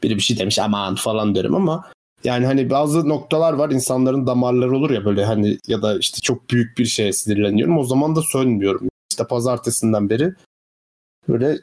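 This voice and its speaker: A man's voice: medium pitch, fast, darkish tone. Young man, podcast co-host, casual rambling chat, loose filler-heavy talk. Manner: rambling, heavy use of fillers like "hani" and "falan".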